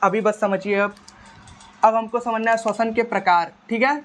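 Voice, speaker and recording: A man's voice: high-pitched, steady tone, normal speed, a bit bright. A male teacher giving a classroom biology lecture in a conversational style. He keeps asking short questions, answers them himself, and repeats the key terms.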